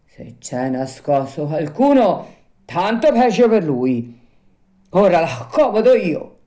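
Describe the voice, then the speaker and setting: A grumbling old carpenter mutters to himself in a storybook tale, as a woman reading aloud puts him on. His voice is louder and rougher than the narration, dark and low. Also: animated, unhurried. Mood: fearful. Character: old male carpenter, jovial then frightened.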